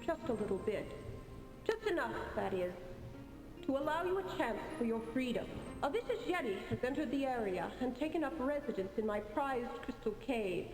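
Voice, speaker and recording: A woman's voice: fairly high pitch, a little mellow. A woman playing a haughty, regal ice queen in a video game, with formal, commanding delivery. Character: imperious icy queen, haughty but softening. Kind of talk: 1990s adventure game voice acting. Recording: echoey long reverb under game music.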